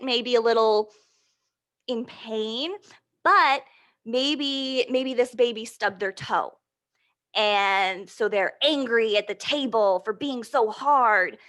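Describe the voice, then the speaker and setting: With an encouraging, animated style, a woman leads young children through a picture book, frequently asking them things and answering out loud. Her pitch is a little high.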